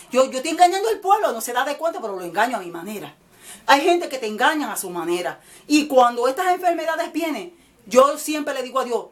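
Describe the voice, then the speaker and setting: A woman evangelist preaches an informal sermon straight to her viewers. Her voice sits high, and her delivery is emphatic and rambling, with English words mixed in.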